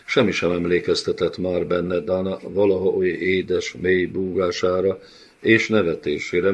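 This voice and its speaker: A man reading a dark fantasy story aloud as an audiobook narrator, in a measured, dramatic way. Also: low voice, husky. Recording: dull lo-fi audiobook recording.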